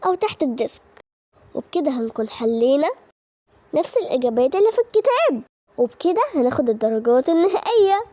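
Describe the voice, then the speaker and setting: A woman's voice: high-pitched, very animated, fast, warm tone, no echo. A woman voicing a sly, scheming schoolgirl who talks conspiratorially, with an Egyptian accent. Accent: Egyptian Arabic. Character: scheming confident schoolgirl Samar.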